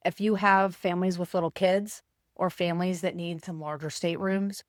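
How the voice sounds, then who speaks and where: A woman's voice: on the low side, fairly even intonation, moderate pace, no room sound, studio quality. A woman co-hosting a podcast, sounding upbeat and filling her talk with "like". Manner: upbeat, lots of "like". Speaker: podcast co-host. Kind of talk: casual podcast chat.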